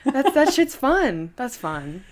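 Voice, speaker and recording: A young woman co-hosting a podcast in casual chat, animated and giggly, often restarting her sentences. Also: sits high, takes it slowly, noisy background. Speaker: podcast co-host.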